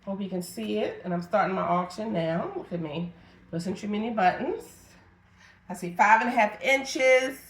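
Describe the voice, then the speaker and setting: A woman's voice: mid-range voice, moderate pace. A middle-aged woman running a live auction as a reseller, chatting playfully and talking straight to her viewers. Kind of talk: casual live-selling chat. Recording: echoey room.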